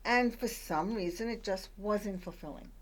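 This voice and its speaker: A woman's voice: mid-range voice, moderate pace. Chatty older woman telling her story. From Puerto Rico, raised in the Bronx. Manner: chatty, with many fillers and restarts. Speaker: guest. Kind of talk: conversational storytelling.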